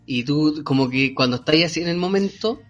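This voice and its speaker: A man's voice: on the high side, brisk, a bit bright, dull audio, faint music behind. A young Chilean man co-hosting a casual chat, bantering in crude slang. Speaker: podcast co-host.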